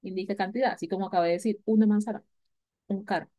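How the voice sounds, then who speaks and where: Speaking quickly in a steady, mellow, mid-range voice, a teacher walks her class through English grammar in a recorded lecture. She is patient, goes over the main points again, and keeps checking on her students with a frequent "¿vale?"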